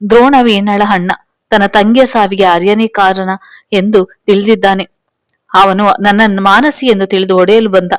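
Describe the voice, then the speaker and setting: A woman storyteller reads a family drama in a steady, plain way. Her pitch is middle and her voice is dry and close. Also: normal speed, no room sound. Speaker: story narrator. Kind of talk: storybook narration.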